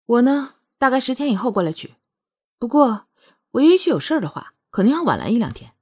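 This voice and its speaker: A woman reading a novel aloud, voicing a cool-headed, scheming young woman in a slightly breathy voice with a brisk, commanding manner. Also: a little high, very animated, darkish tone, voice pushed up. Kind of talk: audiobook character voice.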